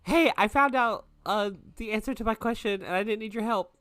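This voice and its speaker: A tabletop player voicing a brash young woman adventurer in a loud, high, pushy voice. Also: sing-song, measured pace, no echo, faint music behind. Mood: cheeky.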